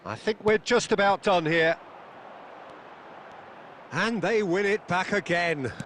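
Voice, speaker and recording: An actor playing a football play-by-play commentator in a video game, measured but quick to get excited. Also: male voice, high voice, slight background noise. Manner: measured, rising to excited calls.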